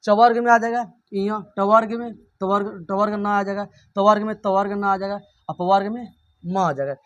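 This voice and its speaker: A man's voice: high voice, fairly even intonation, moderate pace, a bit bright, lo-fi sound. A man teaching a grammar lesson. He keeps asking and answering his own questions and repeats every point.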